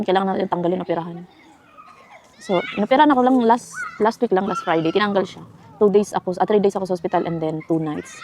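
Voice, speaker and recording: Young woman, from the Philippines, quick rambling chat, fillers and restarts, slight background noise, casual home vlog. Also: medium pitch, a little mellow. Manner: chatty, rambling, frequent fillers and self-corrections. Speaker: vlogger. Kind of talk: casual life-update vlog.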